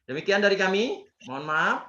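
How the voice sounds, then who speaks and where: A man's voice: sits high, very animated, a little fast, bright, forceful tone. A man teaching a grammar class, drilling students by repeating words and quizzing them. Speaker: Islamic teacher. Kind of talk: Arabic grammar class with call-and-response. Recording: echoey, dull lo-fi, faint noise.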